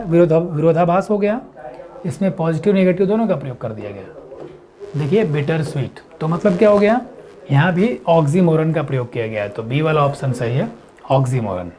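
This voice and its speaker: Man, teacher, exam-prep lesson, slightly high voice, explains step by step, asks and answers his own questions. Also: dark tone. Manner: reads English quiz lines slowly and deliberately.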